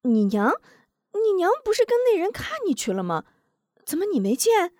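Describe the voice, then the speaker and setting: A shrill, fussing older village aunt, as a woman narrator puts her on chatters in high, swooping tones. The sound is close and dry, with no room around it. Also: sing-song, unhurried, darkish tone, no echo. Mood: startled, fussing.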